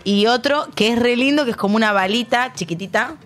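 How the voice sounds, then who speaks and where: A woman's voice: a little high, brisk, a bit bright, faint music behind. A young adult woman with a Rioplatense Spanish accent, co-hosting a casual radio chat, frank and laughing as she tells stories. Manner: frank, laughing, chatty storyteller. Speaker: radio show co-host.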